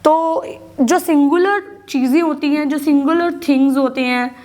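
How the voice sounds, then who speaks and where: Indian woman, English teacher, high voice, patient, mixes Hindi with English, answers her own questions. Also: unhurried, a little mellow. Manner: explains patiently, repeats key words, asks and answers her own questions. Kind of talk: classroom grammar lesson in Hindi and English.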